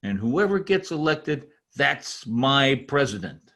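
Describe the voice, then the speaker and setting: A man plays a proud, excitable immigrant tradesman for old-time radio comedy, full character voice on. The accent is foreign, the tone husky and mid-range, and the English halting but earnest, with an elated, proud mood.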